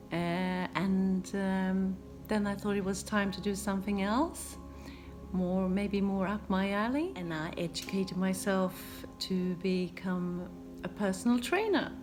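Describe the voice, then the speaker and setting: A woman in her fifties from Sweden with a Swedish accent, a non-native English speaker, answering viewer questions in a relaxed vlog with many pauses and ums. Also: medium pitch. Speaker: home renovation YouTuber. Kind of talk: casual Q and A vlog.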